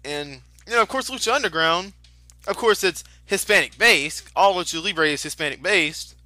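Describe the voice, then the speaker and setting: A man works as a lucha libre announcer, commentating off the cuff in an excitable manner. His voice is very bright and forceful, pitched high for a man. The sound is dry and close, with little room on it. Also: moderate pace, no echo. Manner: excitable announcer, exclaiming at moves. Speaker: wrestling commentator.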